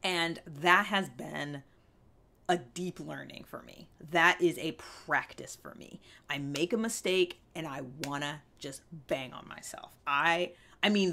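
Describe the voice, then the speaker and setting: This woman, in her thirties, has a voice that sits low with a fairly bright tone. Hosting a vlog in a small room backed by fabric, she gives an earnest, emphatic self-help talk to camera, staying conversational and regularly checking in with whoever's listening.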